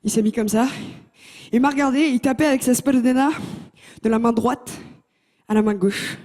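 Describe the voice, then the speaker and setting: A woman's voice: a little high, normal speed. Young woman doing stand-up on stage. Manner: lively, teases the audience. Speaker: stand-up contestant. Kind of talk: stand-up comedy routine. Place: TV talent show stage. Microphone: handheld mic.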